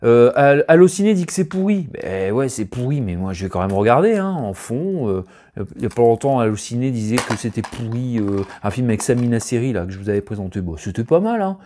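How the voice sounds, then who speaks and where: A man's voice: medium pitch, very animated, a little fast, mellow. A man chatting casually and rambling about his latest film finds, full of fillers and asides. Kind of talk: casual chat unboxing.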